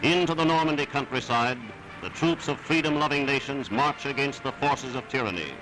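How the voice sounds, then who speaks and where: A man's voice: medium pitch, moderate pace, low-quality recording. Declamatory 1940s newsreel narrator, man. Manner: emphatic, declamatory. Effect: old newsreel recording. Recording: newsreel narration over loud music. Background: music.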